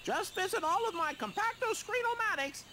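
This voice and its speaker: A man's voice: extremely high pitch, animated, normal speed, noisy background. An actor playing a helpful, eccentric male cartoon bird inventor giving tutorial advice in a video game. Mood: cheerful, instructive. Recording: game audio with loud music.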